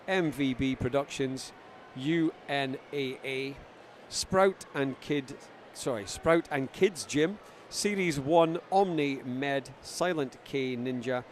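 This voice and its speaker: A Scottish man giving live sports commentary from ringside, getting excited as the action builds. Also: mid-range voice, slight background noise. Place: ringside at a busy event venue.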